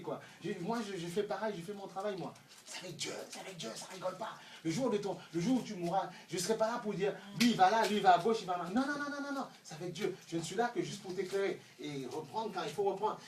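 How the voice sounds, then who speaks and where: A male preacher with a high-pitched voice delivers a fervent sermon, sliding from near-whispered asides to shouted calls and rhetorical questions. The recording is echoey and distant, as if taken from across a church hall, with a faint hiss underneath. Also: animated, fast. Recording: echoey room, distant mic, faint noise.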